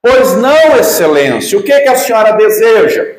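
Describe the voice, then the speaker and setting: Man doing a high screaming woman judge, furious, bossy, echoey room. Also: sing-song, normal speed. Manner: screaming orders. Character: furious shrieking female judge.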